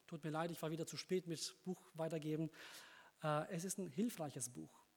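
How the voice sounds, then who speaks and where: A man's voice: a little high, fairly even intonation, moderate pace, darkish tone, long reverb tail. A man preaching a sermon, earnest and encouraging, speaking directly to his congregation.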